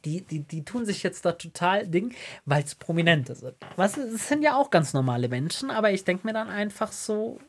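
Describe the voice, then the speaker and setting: A young woman chatting casually on a podcast, telling anecdotes in an animated way and acting out what others said. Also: mid-range voice, normal speed, few pauses. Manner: animated storytelling, acts out quoted lines, laughs often. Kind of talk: casual chat.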